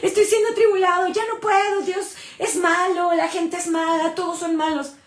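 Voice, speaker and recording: A shrill, whining churchgoer full of self-pity, wailing that nothing goes right, as a woman preacher puts her on. The voice sits high, and a roomy echo hangs around it. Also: flat delivery, normal speed. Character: whiny complaining churchgoer, self-pitying.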